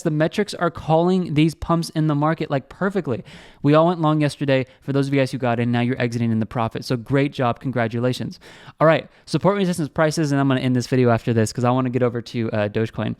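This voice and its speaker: A young man hosting a crypto trading channel, giving fast, excitable screen-share market commentary and talking straight to his viewers. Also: mid-range voice, clear, resonant tone, no room sound, clean studio sound.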